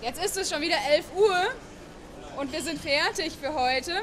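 Female teacher in a noisy mall crowd; high voice, clear and encouraging. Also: normal speed, fairly bright tone. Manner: encouraging, clear classroom speech. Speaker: German teacher. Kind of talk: teaching a class. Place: open classroom in a shopping centre. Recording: busy crowd noise behind.

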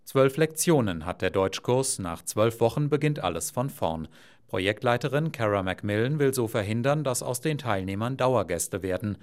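A man narrating a news report in a measured, scripted voice-over. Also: mid-range voice, lively intonation.

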